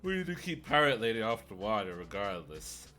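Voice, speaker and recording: A man's voice: on the low side, big pitch swings, fairly quick, bright, forceful tone. A man giving casual commentary as he streams a game, thinking aloud. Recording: game music behind the voice. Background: music.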